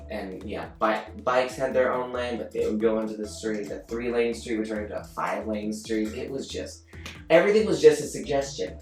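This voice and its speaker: A young man chatting casually as a guest, full of fillers and quick laughs. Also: fairly low pitch. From China. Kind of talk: casual chat. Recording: roomy sound from a distant mic with faint music.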